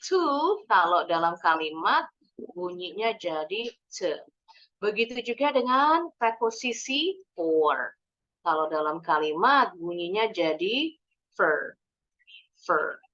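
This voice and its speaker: A woman teaching an online English pronunciation lesson, explaining points and then modelling short phrases slowly. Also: mid-range voice, bright, forceful tone, muffled recording. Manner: switches between explaining and slow model phrases.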